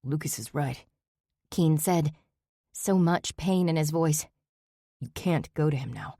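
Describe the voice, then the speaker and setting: A woman voicing a pained young man in an audiobook, speaking in a quiet, grave way. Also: sits low, steady tone, slow pace, no echo, studio quality.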